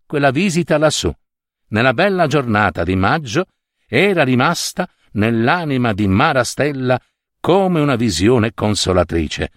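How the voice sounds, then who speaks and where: A man reading a literary short story aloud in an expressive, theatrical way. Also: medium pitch, a little slow, no room sound, studio quality. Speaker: narrator.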